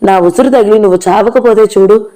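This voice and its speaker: A woman's voice: mid-range voice, brisk, dark tone, lightly acted, low-quality recording. A woman reading the part of an angry, grieving middle-aged mother who lashes out bitterly through tears, in an audio novel. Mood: bitter, accusing. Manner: bitter, accusing, tearful.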